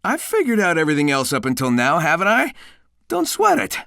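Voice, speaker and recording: A man's voice: a little high, wildly swooping pitch, a little fast, vocal fry, pushed and bright, no echo, clean studio sound, heavily acted. A man voicing a cocky, upbeat young hedgehog speedster in a video game, with a breezy, wisecracking and confident way of talking. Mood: warm, reassuring. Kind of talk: animated video game dialogue.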